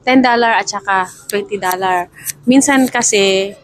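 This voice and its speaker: A woman's voice: medium pitch, unhurried, a little hiss or hum, poor audio. A woman from the Philippines chatting casually as she explains travel phrases, laughing at her own confusion and mimicking vendors' calls.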